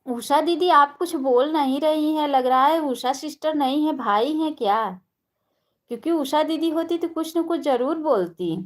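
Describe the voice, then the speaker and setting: A woman's voice: high-pitched, normal speed. A woman hosting a casual live stream, chatting while doing housework and greeting viewers one by one by name.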